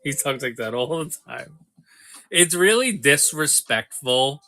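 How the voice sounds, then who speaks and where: A man's voice: mid-range voice, lively intonation, a little slow, pushed and bright. A man hosting a live toy sale stream, chatting casually with viewers, joking and laughing often.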